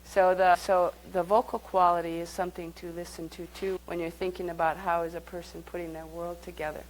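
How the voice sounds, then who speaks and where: Woman teaching a workshop, slightly low voice. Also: flat delivery, a little fast, slight background noise, poor audio. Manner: conversational, guiding the group through exercises. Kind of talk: live workshop lecture.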